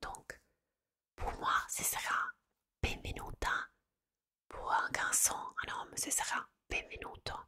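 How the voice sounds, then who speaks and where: A woman giving a whispered ASMR lesson into a close microphone, softly repeating each word twice, with hesitant fillers and small self-corrections. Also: slow pace, pauses often. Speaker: ASMR creator teaching words.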